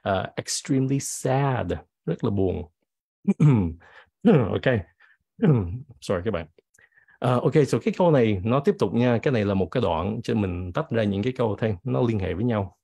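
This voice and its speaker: A man teaching English vocabulary in a bilingual lesson, with a cold that makes him clear his throat, reading example sentences slowly. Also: on the low side, dark tone, no echo. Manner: switches between English and Vietnamese, reads example sentences slowly.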